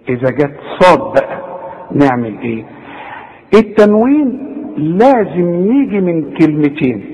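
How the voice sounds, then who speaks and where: Brief: Egyptian male recitation teacher, high and bright, who chats his way through the rules and then slowly chants examples, with a long hall echo. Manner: explains conversationally, then recites examples slowly with drawn-out nasal sounds. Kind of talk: tajweed lesson.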